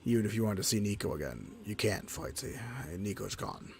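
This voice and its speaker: A man voicing a calm, melancholy game machine that narrates with solemn, subdued resignation. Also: fairly low pitch, brisk, a little hiss or hum, voice pushed down. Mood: resigned, solemn.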